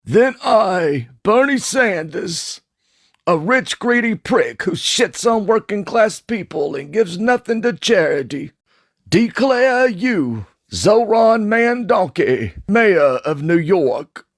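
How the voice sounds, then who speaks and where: A man's voice: sits high, very animated, takes it slowly, dry recording, studio quality, full character voice. A man putting on a pompous old politician in a ceremonial parody sketch. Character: pompous old male politician swearing someone in.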